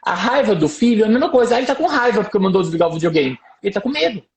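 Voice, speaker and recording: A Brazilian man, a doctor, giving parenting advice on a live stream in a lively, explaining way with anecdotes. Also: sits high, racing, reverberant. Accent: Brazilian Portuguese. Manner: lively explaining, tells anecdotes, asks "percebe?".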